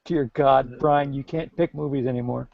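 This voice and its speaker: A man's voice: medium pitch, steady tone, normal speed, creaky, lo-fi sound, a crowd in the background. A man in a casual movie commentary, dry and teasing. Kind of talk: casual group chat.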